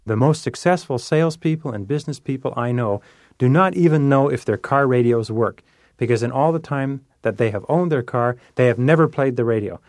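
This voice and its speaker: A man's voice: mid-range voice, brisk, darkish tone, dry recording, studio quality. A man giving a self-help lecture, coaching listeners in an emphatic, repetitive way. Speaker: motivational speaker.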